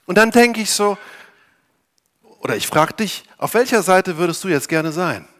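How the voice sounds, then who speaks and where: A man preaching a sermon, swinging from urgent raised appeals to soft, almost whispered prayer. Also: sits high, expressive, moderate pace.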